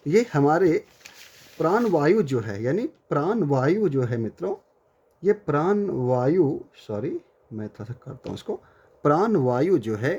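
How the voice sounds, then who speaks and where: A male teacher with a slightly husky, higher voice gives a grammar lecture. His pitch rises and falls with lively emphasis. He repeats each key term slowly and speaks to his students with warm address.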